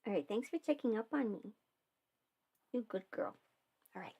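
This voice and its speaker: A woman with a slightly high, dark, faintly rough voice speaks at a normal speed with lively intonation and some vocal fry. She hosts a casual livestream from a desk at home, answering viewer questions as a voice performer and thinking aloud as she chats.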